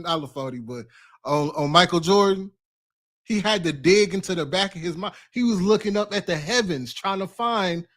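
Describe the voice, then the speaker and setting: Brief: male live-stream host, teasing, quick to laugh, slightly high voice. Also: a bit bright. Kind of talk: casual live-stream talk.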